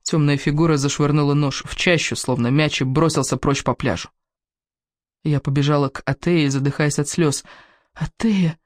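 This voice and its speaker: Man reading a dark story tensely. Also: on the high side, dry recording. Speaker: narrator.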